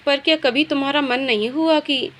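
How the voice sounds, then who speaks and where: A woman's voice: high-pitched, fairly even intonation, moderate pace, a bit bright. A woman voicing a frail, emotional young woman recovering from illness in a storybook reading. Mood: gentle.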